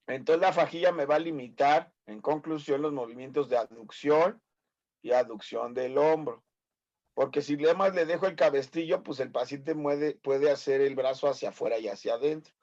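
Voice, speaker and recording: Here a man in his fifties, Mexican Spanish accent, runs an online medical class, teasing students, correcting them and quizzing them often. He has a medium-pitched, slightly mellow voice, and the recording is muffled.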